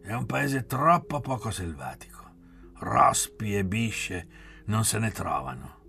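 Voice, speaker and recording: A man's voice: on the low side, big pitch swings, slow pace, gravelly, bright, forceful tone, faint music behind, voice pushed up, full character voice. A man reading aloud, voicing a mocking, restless young man who needles his friends. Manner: sneering, provocative. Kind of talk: audiobook reading.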